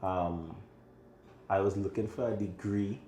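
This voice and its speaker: Man, Trinidadian accent, thirties, very deep voice, echoey room. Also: fairly even intonation, unhurried, mellow, slight background noise. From Trinidad and Tobago. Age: 30s. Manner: easygoing, laughs often, frequent yups. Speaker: chef and restaurant owner. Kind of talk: casual interview chat.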